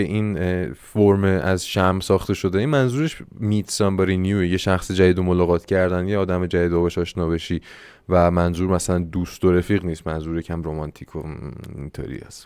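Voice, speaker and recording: Low-voiced man teaching English. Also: a little mellow, clean tone, dry recording. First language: Persian. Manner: explains answers step by step, slows down for English examples. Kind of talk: online English lesson.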